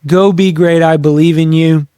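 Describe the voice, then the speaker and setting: A slightly high, mellow male voice with a steady tone and normal speed comes through a clean, dry studio recording. Hosting a leadership podcast, he addresses listeners directly in an earnest, emphatic coaching monologue, repeating key phrases to drive points home.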